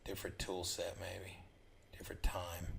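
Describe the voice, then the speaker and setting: Man flatly calling price ticks live. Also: deep voice, normal speed, vocal fry, a little hiss or hum. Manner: talks to himself over the ticks, calling prices in short bursts. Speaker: trader and trading educator. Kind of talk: live trading commentary on screen.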